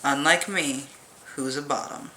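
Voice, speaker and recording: A woman giving a casual crochet tutorial with self-deprecating asides, with sharp sibilant S's and a faint whistle from her nose. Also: a bass voice, steady tone, measured pace, slight background noise. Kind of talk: casual hands-on tutorial chat.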